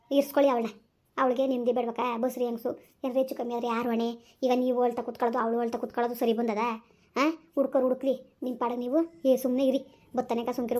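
A woman voicing a steady village woman who firmly comforts and advises a grieving neighbor in a family drama. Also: high-pitched, pitched below the performer's own voice, close to an everyday voice. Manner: firm, consoling, advising.

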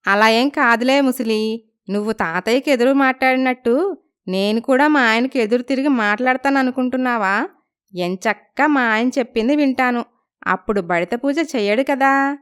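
A woman's voice: a little high, normal speed, a bit bright, clear, resonant tone, voice pushed up, lightly acted. A woman doing a sassy young girl. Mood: cheeky. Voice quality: cheeky, sassy. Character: feisty spoiled young woman, cheeky. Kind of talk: storybook narration.

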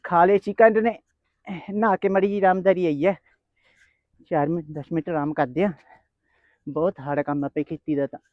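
A man's voice: fairly high pitch, steady tone, normal speed, long pauses, no echo, phone-quality sound, lightly acted. A man playing a reluctant trader turned farmer in a rural comedy skit, complaining and repeating himself. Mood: tired relief. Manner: complaining, protesting, repeats phrases.

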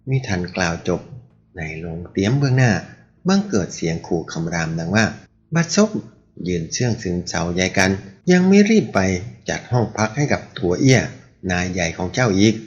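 Deep-voiced man narrating a martial-arts novel. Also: darkish tone, muffled recording. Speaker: audiobook narrator.

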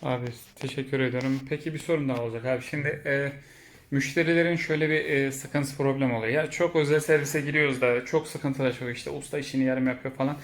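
A man's voice: mid-range voice, steady tone, quick pace. A man hosting a casual vlog tour and interview in a car repair workshop, talking with frequent hesitation fillers. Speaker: host touring a car repair shop.

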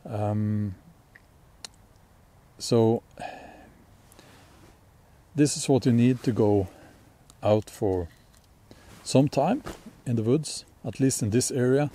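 Slow, deep-toned Norwegian man outdoors. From Norway. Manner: relaxed, rambling, many ums and restarts. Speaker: bushcraft channel host. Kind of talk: casual outdoor gear talk. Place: outdoors in a sunny forest clearing.

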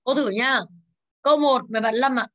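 A woman in her thirties from Vietnam, teaching English in a classroom with a high, bright voice. She moves briskly through exercises, calling on students by name and drilling their pronunciation. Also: lo-fi sound.

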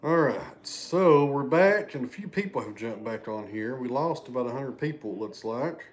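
Casually reading super chats, a livestream host talks with viewers from his living room. He's a man with an expressive, mid-range voice and a moderate pace. He's chatty, calls out viewers by name to thank them, and loses his train of thought.

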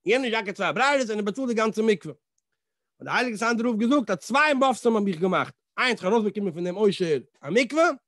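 A rabbi with a high-pitched male voice leads a storytelling Torah class. He is animated, slips into the voices of the characters and drops English words into his speech. The sound is dry and close, with no room echo. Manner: animated, acts out the dialogue in different voices.

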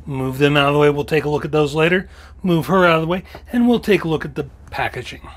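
A man's voice: on the high side, quick pace. A man hosting a toy review, slightly losing his voice, walking through each detail step by step in a casual show-and-tell style.

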